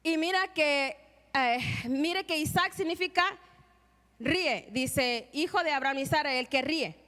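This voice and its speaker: A woman's voice: sits high, a little slow, pushed and bright, big-room sound. A woman preaching an earnest, emphatic sermon and reading scripture in a church.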